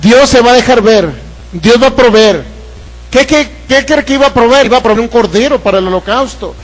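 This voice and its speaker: High-voiced Mexican preacher. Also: male voice, brisk, poor audio. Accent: Mexican Spanish. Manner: preaching, questioning the congregation; acts out voices from the Bible story. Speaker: pastor. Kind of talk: sermon.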